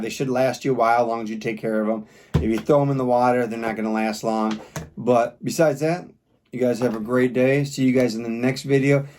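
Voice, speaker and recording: It's a casual, unscripted product review from a man whose mid-range voice has a darkish tone; he rambles in a plain, informal manner. Clicks and background noise sit behind a clear recording.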